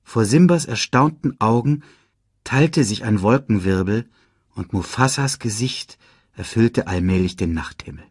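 A man reading a children's storybook aloud in an expressive, dramatic way. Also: lowish voice, measured pace, slightly rough, dry recording, clean studio sound. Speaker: audiobook narrator.

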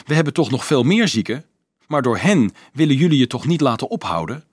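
A man's voice: mid-range voice, sing-song, brisk, breathy edge, no echo, clean studio sound. A man voicing a cunning, firm teenage boy in an audiobook. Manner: firm, controlled.

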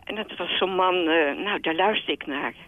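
A woman's voice: fairly low pitch, normal speed, dry recording, narrow, tinny audio. An older retired woman calling a radio show over a landline phone, chatting and rambling through her stories with laughs in between. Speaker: caller. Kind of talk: casual storytelling on a late-night call-in radio show.

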